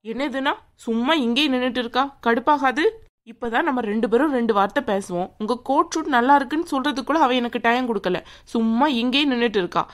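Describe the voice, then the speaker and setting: A woman voicing a haughty young bride in a cartoon, sharp and sneering as she bosses others around. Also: fairly high pitch, fast, close to an everyday voice. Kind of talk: cartoon voice acting.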